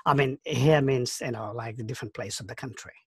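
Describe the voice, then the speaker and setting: A man in his fifties from Bangladesh, speaking at a middle pitch in an interview. He talks thoughtfully and halts and restarts his phrases. The sound is close and dry, with no room echo. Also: a little fast, fairly bright tone, husky. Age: 50s. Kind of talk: oral history interview.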